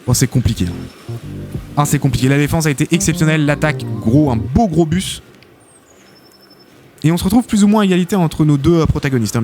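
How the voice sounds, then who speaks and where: A man casting a live esports tournament as host, excitable and chatty, full of filler interjections. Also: fairly high pitch. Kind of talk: live game commentary. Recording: game music behind the voice. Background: game music.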